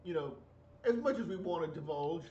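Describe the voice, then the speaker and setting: A man in his forties talks in a halting, filler-heavy way, his voice pitched a bit high. He sits back from a muffled mic in an echoey room, with a faint hiss underneath. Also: lively intonation, mellow, distant mic. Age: 40s. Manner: hesitant, many fillers and restarts. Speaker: podcast co-host. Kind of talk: casual chat.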